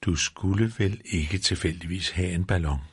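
A man's voice: deep voice, husky, full character voice. A man voicing a curious young boy in a storybook, asking plain questions. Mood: puzzled.

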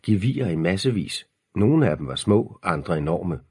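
A man reading an audiobook aloud in a measured, ominous storytelling manner. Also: low voice, animated, a little mellow, husky, no room sound, studio quality. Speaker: narrator. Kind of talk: scripted audiobook narration.

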